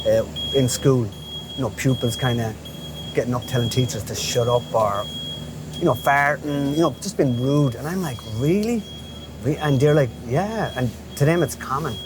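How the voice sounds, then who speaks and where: Amid busy street noise and traffic, a local window cleaner in his fifties with a west of Ireland Galway accent looks back on the past for an interviewer. He talks at a moderate pace in a medium-pitched voice, chatty and colloquial, frequently checking in with "you know."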